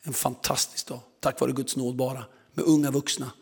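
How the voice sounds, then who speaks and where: Man, preacher, strained gravelly delivery, storytelling sermon in a reverberant hall. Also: mid-range voice, flat delivery. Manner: storytelling, acts out quoted voices. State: strained, recovering voice.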